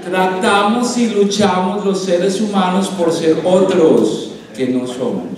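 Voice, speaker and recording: A man giving a playful, animated sermon to a youth congress in a large hall. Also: high voice, slow. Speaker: speaker. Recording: echoey hall from far off.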